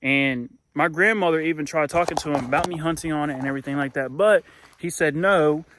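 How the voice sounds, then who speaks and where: Young man, rambling casual vlog, walking outdoors, slightly high voice, faint background noise. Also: a little fast. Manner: rambling, repeats "and everything like that"; talks while walking outdoors. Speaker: hunting vlogger. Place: outdoors on wooded hunting land.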